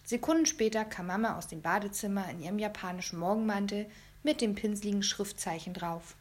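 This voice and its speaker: A woman reading a first-person children's story aloud in a lively storytelling manner. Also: medium pitch, brisk. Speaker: audiobook reader.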